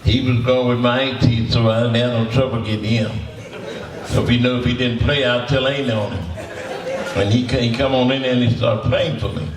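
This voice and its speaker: A man's voice: mid-range voice, steady tone, fairly quick, a crowd in the background. Bluesman in his 80s, folksy rambling tales, kinda far from the mic. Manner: folksy, repetitive, chuckling storyteller. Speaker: panelist blues musician. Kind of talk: storytelling to an audience. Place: symposium hall. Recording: echoey room from far off.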